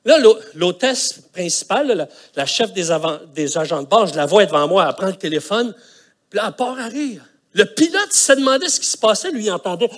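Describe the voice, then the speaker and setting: A middle-aged man with a Quebec French accent preaches through a story. His voice sits high and swings widely. He talks colloquially and adds vocal sound effects. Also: lively intonation, a little fast. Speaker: pastor. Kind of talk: storytelling sermon.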